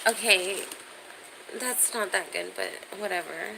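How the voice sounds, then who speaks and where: Speaking in a mid-range voice with vocal fry, this thirty-something streamer talks a little slowly as she addresses her audience directly and responds to their comments. Her casual chat is full of slang and swearing. Faint noise sits in the background.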